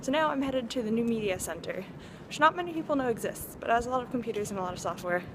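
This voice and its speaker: A woman's voice: a little high, expressive, fast, background noise. A young woman, a student and teaching assistant, narrating her day casually to camera with fillers. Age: young adult. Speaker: student vlogger.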